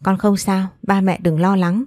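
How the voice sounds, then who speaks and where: A woman voicing a gentle, polite young woman in an audio story, read in a soft, plain way. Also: mid-range voice, level tone, moderate pace, dry recording, lightly acted.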